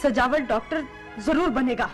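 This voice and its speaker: A woman's voice: high voice, moderate pace, soft background music, close to an everyday voice. An actress playing a determined mother who firmly defies her husband.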